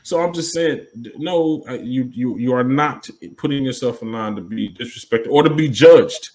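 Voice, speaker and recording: A man's voice: mid-range voice, normal speed, a little mellow, rough recording. A man co-hosting a podcast, talking in a casual, emphatic way and often checking in with "you know what I mean". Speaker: podcast co-host. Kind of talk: casual discussion.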